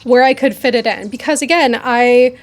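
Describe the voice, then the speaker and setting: A young woman in her twenties, a new occupational therapy graduate, talking in a quick, chatty way with lots of "like" and restarts in a casual interview. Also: on the high side.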